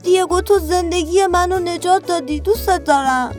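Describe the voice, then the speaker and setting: A man voicing a trusting, affectionate childlike boy in a storybook reading, with a high squeaky put-on voice. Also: soft background music. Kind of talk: storybook voice acting.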